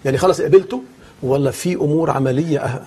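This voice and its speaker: A man's voice: on the high side, rapid-fire, darkish tone, slightly rough. A man with a Levantine accent, a pastor hosting a call-in talk show, asking questions and affirming briefly. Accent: Levantine Arabic. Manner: inquisitive, short affirming interjections. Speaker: host and pastor.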